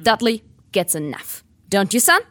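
A woman doing Uncle Vernon, a blustering, shouting uncle. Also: medium pitch, very animated, moderate pace, voice pushed up. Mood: gruff. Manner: shouting, snarling. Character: blustering bullying middle-aged uncle.

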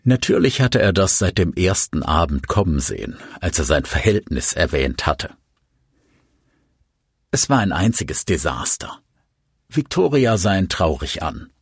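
A man reading a novel aloud as an audiobook narrator, measured and expressive. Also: low-pitched, husky, no echo, studio quality. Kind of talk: scripted narration.

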